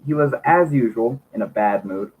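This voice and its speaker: A man's voice: mid-range voice, expressive, moderate pace, darkish tone, slightly rough. A man casually reading a teen diary novel aloud, now and then stumbling over words and laughing. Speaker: reader. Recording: tinny phone-like lo-fi recording.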